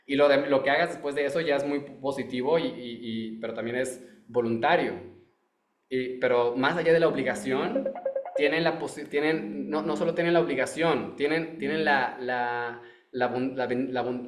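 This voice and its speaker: A man's voice: medium pitch, roomy sound. A man teaching a masterclass on prayer, often restarting and repeating phrases as he explains. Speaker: Torah teacher. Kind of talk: online masterclass lecture.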